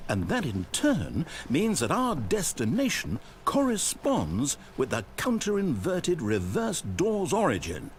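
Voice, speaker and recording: A man's voice: on the high side, wildly swooping pitch, measured pace, few pauses, a little hiss or hum. A man with a British accent voicing a fussy, pompous video game narrator who talks in a wordy, grandly dramatic way.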